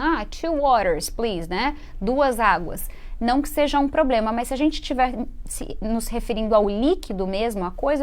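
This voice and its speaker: Brazilian woman teaching English, slightly high voice. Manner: patient, slows right down to model English words and sentences; chatty teaching tone with frequent "né?" and "ok?" checks. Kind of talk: explaining English grammar in Portuguese on a live web show.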